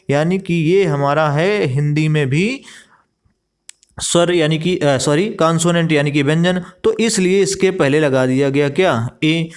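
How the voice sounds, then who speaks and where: A man's voice: a little high, clean tone. A male teacher explaining a grammar lesson, asking himself rhetorical questions and spelling out words letter by letter. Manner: repeats rhetorical questions and "ठीक है" while explaining. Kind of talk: classroom lesson explaining English grammar in Hindi.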